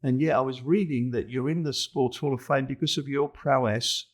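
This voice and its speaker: A man asking interview questions in a conversational, measured way. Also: mid-range voice, steady tone.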